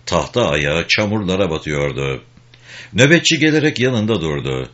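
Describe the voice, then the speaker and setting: A man narrates a war story in a dramatic storybook reading. His low voice swings widely in pitch. The recording is dull and lo-fi. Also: big pitch swings, normal speed, a bit bright.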